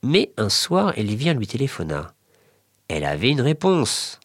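A man narrating a written short story in an expressive, measured way. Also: medium pitch, breathy edge, no room sound, studio quality. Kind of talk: scripted story reading.

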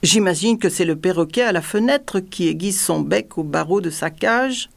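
A woman voicing a fawning royal courtier who speaks in a smooth, placating way. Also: on the low side, normal speed.

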